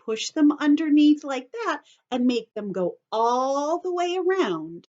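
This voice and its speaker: In lo-fi audio, a woman's voice that sits high, expressive and darkish in tone takes things slowly. She's a story-time teacher demonstrating a craft step by step, talking simply and instructively straight to young children.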